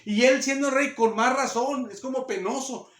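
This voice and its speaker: A man's voice: very high voice, normal speed, a bit bright. A man preaching a sermon in a church, explaining earnestly and repeating his phrases. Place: church hall. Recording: echoey room.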